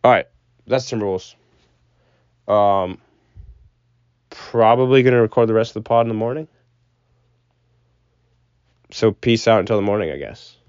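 Solo sports podcast host, young man with a low register, loose sweary opinions, dull lo-fi recording inside a closet. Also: normal speed, pauses often, darkish tone, smooth, no room sound. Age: young adult. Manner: rambling, opinionated, sprinkled with swearing. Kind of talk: casual sports commentary.

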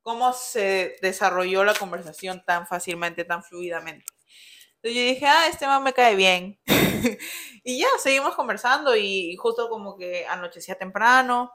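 A woman's voice: medium pitch, moderate pace, a bit bright. A young woman telling her couple's story in a casual chat, chatty and laughing often as she acts out quoted lines.

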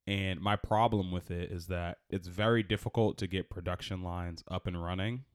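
A man co-hosting a podcast in casual chat, animated and quick to laugh, pitch jumping up when he gets excited. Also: clear, resonant tone. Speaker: podcast co-host. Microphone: headphones and studio mic.

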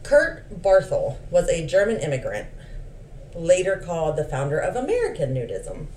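A woman with a low, mellow voice that swings widely in pitch, reading history notes aloud for a podcast. She drops playful asides between the facts. The recording is roomy and slightly distant, with a faint hiss. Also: huge pitch swings, normal speed. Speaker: podcast co-host.

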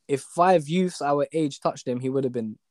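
This young adult podcast guest has a London roadman accent and chats casually, telling personal stories in slangy street talk packed with tag questions. His fairly high, darkish voice moves at normal speed, captured in a dry, clean studio recording.

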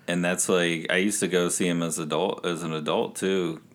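A man's voice: deep voice, fairly even intonation, normal speed. A man co-hosting a podcast, talking casually, blunt and joking, swearing freely. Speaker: podcast co-host. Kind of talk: casual chat.

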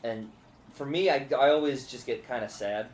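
A man's voice: mid-range voice, normal speed, a little mellow, reverberant, slight background noise. Young man telling a rambling story. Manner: rambling storyteller, many fillers and self-interruptions. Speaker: stand-up comedian. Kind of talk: casual podcast chat.

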